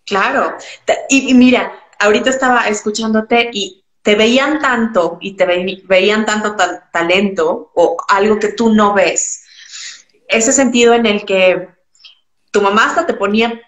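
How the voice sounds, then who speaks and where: A woman's voice: medium pitch, measured pace, a bit bright, echoey room, rough recording. A woman hosting an interview, asking follow-up questions. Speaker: interview host. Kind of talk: casual interview.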